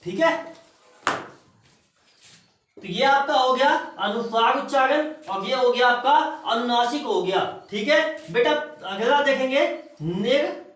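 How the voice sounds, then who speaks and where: A man's voice: very high-pitched, lively intonation, unhurried, fairly bright tone, slight background noise. A male teacher giving a classroom lecture, who repeats key terms and asks the class questions he then answers himself. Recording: echoey distant room, muffled.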